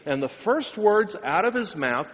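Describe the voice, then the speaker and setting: Speaking into a pulpit microphone in a large church, a middle-aged pastor delivers a sermon and a blessing in emphatic, rising phrases. His high-pitched, husky voice swings widely in pitch at a moderate pace, and the recording sounds dull with long reverb.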